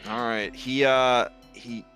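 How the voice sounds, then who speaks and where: A man's voice: medium pitch, steady tone, slow pace, fairly bright tone, soft background music. A man working as game master, improvising narration for a tabletop game.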